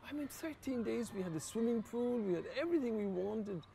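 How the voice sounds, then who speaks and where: An older Irish priest with a deeply gravelly, fry-laden voice tells personal stories in an interview. He speaks earnestly and quietly, with a faint hiss of room noise behind him. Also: brisk. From Ireland. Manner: earnest, quietly emotional, rises to lively laughter. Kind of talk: reflective personal storytelling in an interview.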